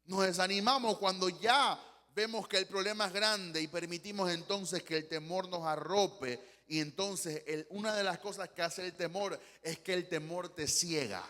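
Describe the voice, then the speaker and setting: Impassioned high-voiced preacher, Panamanian accent. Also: male voice, steady tone, moderate pace, pushed and bright, big-room sound. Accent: Panamanian Spanish. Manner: impassioned preaching with acted-out quotes. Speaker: pastor. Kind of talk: sermon.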